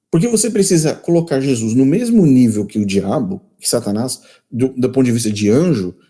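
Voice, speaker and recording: A man's voice: on the high side, dark tone, breathy edge. A man with a Brazilian accent hosting a critical commentary, reading quotations aloud and repeating his points with scornful emphasis. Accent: Brazilian Portuguese. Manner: emphatic and repetitive, restating lines. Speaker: channel host.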